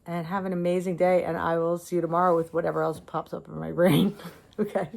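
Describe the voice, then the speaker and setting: A woman's voice: lowish voice, little pitch movement, fairly quick, creaky, a little mellow. A woman vlogging casually as she shows off her crystals, gushing and exclaiming, swearing often and speaking straight to her viewers. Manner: addresses viewers directly and calls the crystals she or baby. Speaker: crystal shop owner and vlogger. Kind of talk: casual show-and-tell vlog.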